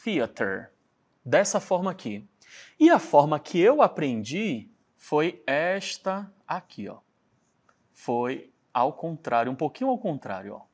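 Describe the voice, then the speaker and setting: A man's voice: fairly high pitch, measured pace. A Brazilian man with a Brazilian Portuguese accent, teaching a chatty English lesson and checking in often with his class. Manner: chatty, animated, keeps checking in with "né?".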